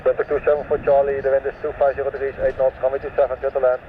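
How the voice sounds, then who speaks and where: A man's voice: mid-range voice, flat delivery, very fast. A man working as an air traffic controller, giving clipped instructions over the radio. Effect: aviation radio transmission. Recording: tinny radio channel with background noise.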